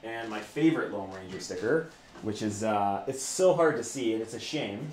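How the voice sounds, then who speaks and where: Laid back guy w a lowish voice just chatting on his livestream, answering viewers casually. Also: animated, moderate pace, darkish tone, a little hiss or hum. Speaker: YouTube channel host.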